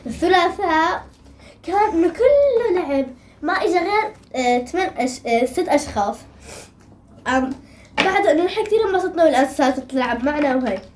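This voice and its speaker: A woman's voice: extremely high pitch, animated, fast, a little mellow, slight background noise. A young female with a Syrian Levantine Arabic accent chats casually to viewers as she hosts a drawing video.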